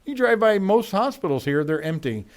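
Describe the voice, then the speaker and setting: Male radio host, casual chat, reads quotes aloud, voice pitched a touch high. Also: very animated, moderate pace.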